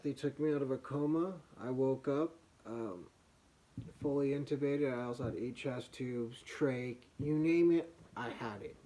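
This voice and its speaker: A vlogger tells a personal story in a halting way, pausing and restarting as he goes. His mid-range voice is soft because his vocal cords are slightly damaged.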